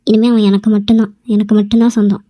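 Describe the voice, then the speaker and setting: A woman voicing a scheming young female rival in a cartoon, who whimpers and pleads to win sympathy, and drops to a low, sly tone in her asides. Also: little pitch movement, racing, dark tone, dry recording, lightly acted. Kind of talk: amateur cartoon voice acting.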